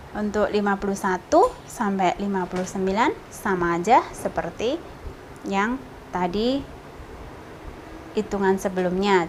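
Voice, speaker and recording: A woman giving a casual spoken lesson, slowly repeating example words in a lifted voice. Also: medium pitch, a little hiss or hum, rough recording. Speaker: language teacher.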